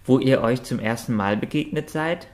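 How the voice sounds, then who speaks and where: A man's voice: medium pitch, normal speed, lightly acted. A man reading aloud, voicing a small curious cat-like creature asking questions.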